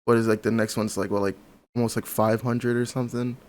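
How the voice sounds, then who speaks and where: A young man chatting casually on a podcast, talking fast and enthusiastically about tech and swearing freely. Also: medium pitch, level tone, a little mellow. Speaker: podcast guest. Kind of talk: casual chat.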